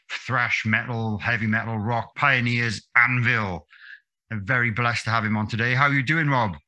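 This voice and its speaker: A man in his thirties hosts a friendly podcast interview over a webcam video call, upbeat and chatty with quick laughs. His voice is mid-range with a sharp tone.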